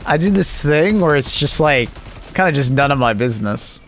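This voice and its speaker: A man's voice: on the high side, lively intonation, moderate pace, fairly bright tone, slight background noise. A man live streaming, chatting casually with his viewers and reacting to their messages with joking, rambling asides.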